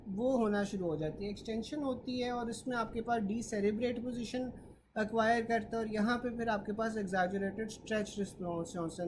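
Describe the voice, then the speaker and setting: Woman tutoring medicine online, high voice. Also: noisy background. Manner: explanatory, checks in with students often. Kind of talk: online class explanation.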